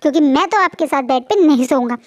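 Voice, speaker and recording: A woman's voice: sits high, fast, lightly acted. A woman voicing a stubborn, prickly young man who answers in short, sulky refusals. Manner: curt, refusing.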